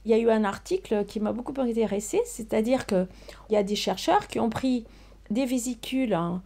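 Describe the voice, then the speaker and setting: A woman's voice: fairly high pitch, a little fast, gravelly, mellow. An older woman, a scientist answering interview questions, hesitant with many fillers and restarts. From Portugal. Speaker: research scientist guest.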